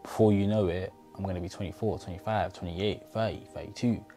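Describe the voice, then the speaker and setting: Low-pitched, brisk, and warm with fairly even intonation, this twenty-something motivational vlogger speaks earnestly to viewers from his bedroom. He wears a lapel mic, and faint music plays in the background.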